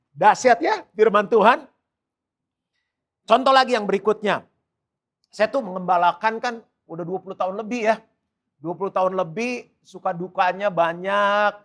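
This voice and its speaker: A middle-aged man from Indonesia, a pastor preaching a sermon in a relaxed, conversational way, telling personal stories and acting out what others say. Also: sits high, moderate pace. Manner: conversational, storytelling, quotes others in lively voices. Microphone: church service stream mic.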